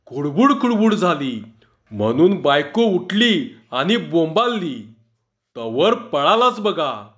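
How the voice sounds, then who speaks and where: A man's voice: a little high, big pitch swings, takes it slowly, fairly bright tone, exaggerated voice. A man voicing a flustered middle-aged village landowner who talks in rustic village speech. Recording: dull lo-fi recording.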